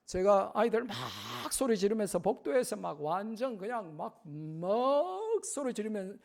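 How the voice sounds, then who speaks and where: Middle-aged man, pastor, revival sermon, emphatic, high voice, gravelly tone, church sanctuary. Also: very animated, measured pace, darkish tone. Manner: emphatic, acts out little dialogues with children.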